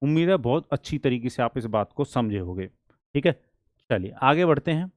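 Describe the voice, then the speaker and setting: A man's voice: mid-range voice, animated, a little mellow, no room sound, studio quality. Man teaching an exam maths lesson. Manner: drills students with questions, then answers them himself; reads questions slowly and deliberately.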